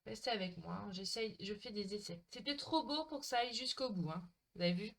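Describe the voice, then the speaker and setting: Her voice is medium-pitched and fairly bright, a touch fast, with some vocal fry. She's a crafting livestream host at home on a desk mic, friendly and self-mocking, addressing viewers by name and giggling at her slips as she works.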